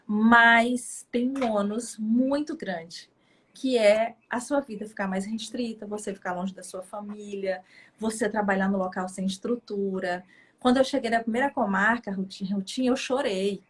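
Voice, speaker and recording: A woman's voice: medium pitch, fairly even intonation, normal speed. A middle-aged woman from Brazil, a judge, telling her story in a casual, emotional interview.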